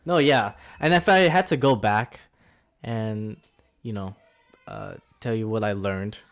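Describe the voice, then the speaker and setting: A man in his twenties with a lowish voice speaks a little slowly as he co-hosts a podcast. His casual chat is laid-back and rambling, with frequent laughter.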